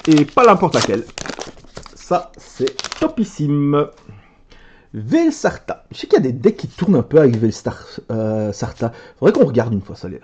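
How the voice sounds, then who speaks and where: A man chatting casually as he opens card packs for his video, letting out excited exclamations over each card. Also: on the high side, moderate pace, slight background noise. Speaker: card game video creator. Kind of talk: casual card pack opening commentary.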